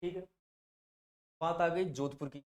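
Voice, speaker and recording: A man's voice: fairly high pitch, steady tone, measured pace. A male teacher giving an exam-prep lesson, repeating names and quizzing the class with memory tricks. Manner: drills mnemonics with repeated questions and answers, shifting loudness.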